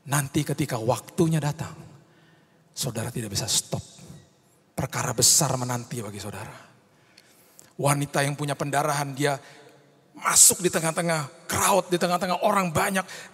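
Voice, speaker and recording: A man's voice: on the high side, normal speed, fairly bright tone, slightly rough. A male pastor preaching an impassioned sermon, slipping English phrases into his talk and rising to fervent cries. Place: church hall. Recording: long reverb of a large hall.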